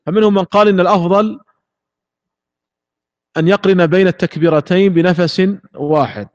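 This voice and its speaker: A man teaches a religious lesson, calm and methodical, pausing to demonstrate recited phrases. His voice sits a little high for a man. The recording is dry and slightly dull. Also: no room sound. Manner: measured, explanatory, demonstrates recitation examples. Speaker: Islamic jurisprudence teacher.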